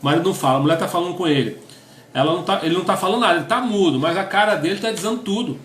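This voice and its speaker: Rapid-fire and fairly bright, the high voice of a middle-aged Brazilian pastor echoes in a reverberant space as he teaches couples. His Brazilian Portuguese accent colors a conversational sermon full of "né?" tags, and he reads definitions aloud.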